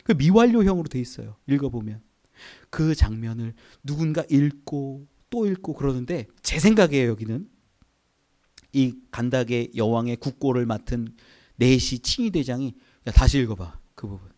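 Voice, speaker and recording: A male pastor preaching a sermon in a church. He keeps asking the congregation questions and swings between loud outbursts and hushed near-whispers. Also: medium pitch, normal speed. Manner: animated, asks the congregation rhetorical questions. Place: church sanctuary.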